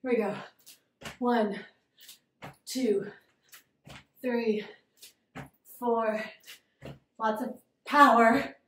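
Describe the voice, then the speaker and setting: A young woman fitness instructor leads a workout from her garage, cheering people on as she counts down each set. She is audibly out of breath, and her voice carries from a distance in an echoey space with a faint hiss behind it. She paces her cues slowly. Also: a little high, fairly even intonation, a bit bright. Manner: upbeat, encouraging, counts reps aloud. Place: home garage.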